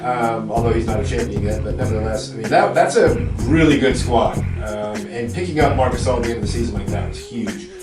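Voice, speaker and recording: A man's voice: mid-range voice, animated, a little fast, few pauses. Rambling man debating sports in a roomy recording. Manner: rambling, hedging, long-winded analysis. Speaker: sports podcast co-host. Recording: roomy, distant mic with music behind. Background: music.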